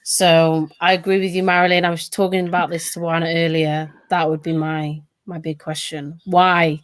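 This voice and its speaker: A woman's voice: sits low, level tone, normal speed, no echo. A woman co-hosting a casual talk show, joking and asking the guests questions. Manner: playful, joking. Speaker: co-host. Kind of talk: casual chat.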